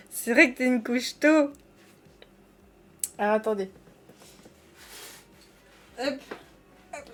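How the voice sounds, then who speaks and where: During a live stream, a woman with a slightly high voice chats warmly and loosely with her viewers, peppering her talk with fillers and restarts. She speaks extremely slowly and leaves long pauses.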